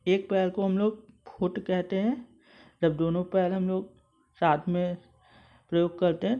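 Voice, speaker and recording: A man's voice: sits high, mellow. A male school English teacher explaining a textbook lesson word by word, methodical and repetitive. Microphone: mobile phone. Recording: dull lo-fi phone recording.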